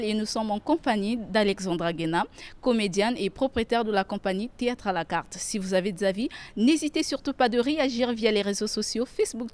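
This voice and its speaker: A woman hosting a cultural magazine show, asking measured questions and reading announcements. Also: medium pitch.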